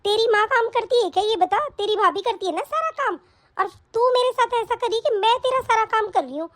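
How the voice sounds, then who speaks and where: A woman voicing an elderly, hardworking mother-in-law in an animated story, speaking in a scolding, reproachful way. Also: very high-pitched, a little fast.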